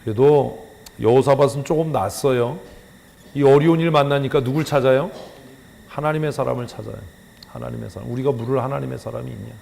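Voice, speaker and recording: A man preaching a sermon as pastor, firing rhetorical questions at the congregation and swinging from loud scolding to hushed emphasis. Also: medium pitch, fairly even intonation, a little fast, gravelly, slight background noise. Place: church sanctuary. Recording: long church hall reverb.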